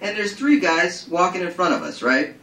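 This man pitches his voice high and commits fully to the character, a loudmouthed gambler at the track who tells a colloquial, excitable story at a moderate pace. It's an acted monologue from a live reading, sounding amused and excited, recorded in a roomy space from a distant mic with faint noise.

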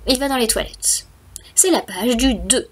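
A woman's voice: a little high, unhurried, breathy edge. A woman storyteller reading a picture book aloud to young children, speaking to them directly and counting aloud with them.

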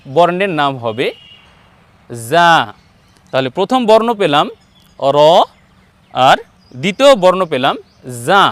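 High-voiced man teaching slow pronunciation. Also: a bit bright, no echo. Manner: patient, repeats letters slowly for viewers to copy. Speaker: Quran teacher. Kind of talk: online letter-by-letter pronunciation lesson.

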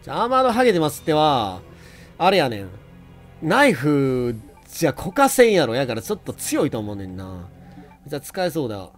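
A young man with a Kansai accent commenting on his gameplay, who gets excited and yells and taunts at enemies. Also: a little high, brisk, soft background music. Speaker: let's play commentator.

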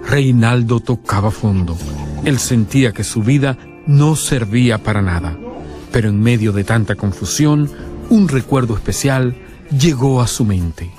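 A man's voice: mid-range voice, a little slow, a little mellow. Male doc narrator, scripted, dramatic pacing, music under. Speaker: documentary narrator.

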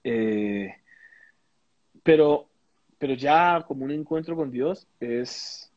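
A man recounts his personal experience as a guest on a live interview. His voice sits somewhat high, and he pauses, searches for words and restarts often. The audio is dry and a little muffled, like a live-stream feed. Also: expressive, darkish tone, dry recording. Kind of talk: casual testimony in a live interview.

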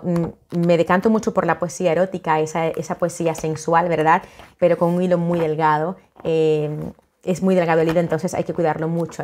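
Middle-aged dominican-born woman author, a bit low voiced, warm rambling chat into her webcam from her living room. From Dominican Republic. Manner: warm, chatty, many fillers and restarts. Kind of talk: casual video greeting. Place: home living room, indoors.

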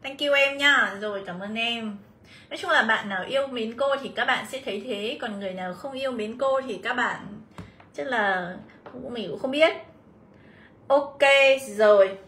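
In this livestreamed exam review, a young female English teacher speaks at a moderate pace in a slightly high, slightly bright voice, with a faint hiss or hum on the audio. Chatty and warm, she greets everyone, reads students' answers and comments aloud, and calls the group "mọi người".

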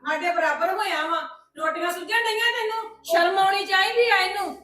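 An actress playing a sharp-tongued aunt who scolds a young man. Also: very high-pitched, a little fast, reverberant, distant mic. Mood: scolding. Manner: scolding, cutting.

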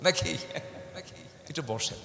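A man's voice: slow pace, bright, forceful tone, a little hiss or hum. A Bangladeshi man in his fifties preaching a sermon to a large gathering, rousing and often calling out questions for the crowd to answer. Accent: Bangladeshi Bengali. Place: large outdoor religious gathering. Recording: echoey hall through a PA.

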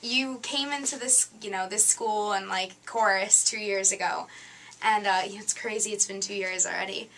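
A young woman, a graduating high school senior, rambling hesitantly while she reminisces to her teacher. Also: steady tone, moderate pace, a bit bright, a little hiss or hum, low-quality recording. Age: young adult. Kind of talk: casual message to camera.

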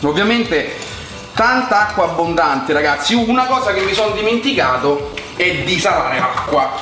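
A man's voice: high voice, animated, moderate pace, music in the background. A young man with a Roman Italian accent chatting colloquially to viewers as he hosts a casual cooking demonstration. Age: young adult. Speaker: cooking vlog host. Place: home kitchen, indoors. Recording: echoey room sound.

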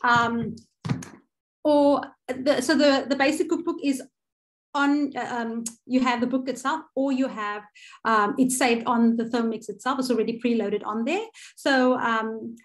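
A woman's voice: on the high side, steady tone, measured pace. A woman with a South African accent leading an online cooking workshop over a video call, chatty with many fillers and self-corrections.

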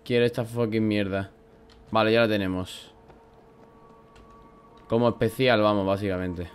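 A young man from Spain with a Spanish accent and a sore throat, commentating a video game casually, swearing often and bursting into loud shouts. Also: on the low side, steady tone, moderate pace, a little hiss or hum. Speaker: gaming YouTuber. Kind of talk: let's play commentary.

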